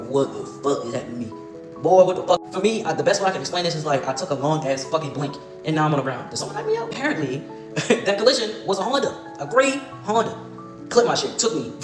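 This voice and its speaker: A young man tells a story to camera in a rapid, profane, laughing way. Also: on the high side. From Baltimore, USA. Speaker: storytime vlogger. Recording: echoey room with music behind.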